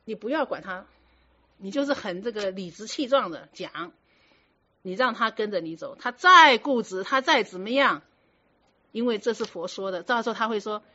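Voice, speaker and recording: A medium-pitched, sharp-toned woman speaks at a moderate pace with lively intonation. She is a Buddhist teacher giving a dharma talk, instructing students firmly and conversationally while throwing out rhetorical questions to check on them. The recording is muffled lo-fi.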